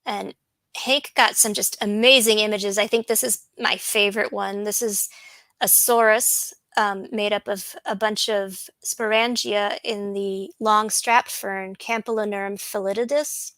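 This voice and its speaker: A woman botanist giving an unhurried slide lecture, with frequent ums and restarts. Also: mid-range voice, fairly even intonation, fairly bright tone, dry recording, low-quality recording. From USA.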